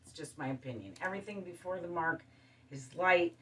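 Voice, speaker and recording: A woman hosting her show, talking calmly in a casual monologue and listing things one by one. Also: on the low side, a little fast, recorded from a distance, a little hiss or hum. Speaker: show host. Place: studio.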